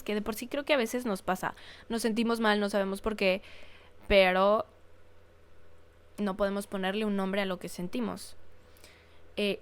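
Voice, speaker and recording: A woman's voice: mid-range voice, clear, resonant tone. Chatty Mexican woman hosting a podcast. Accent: Mexican Spanish. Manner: chatty, rambling, frank and profane, with frequent filler words and laughs. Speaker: podcast host. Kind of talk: casual solo podcast monologue.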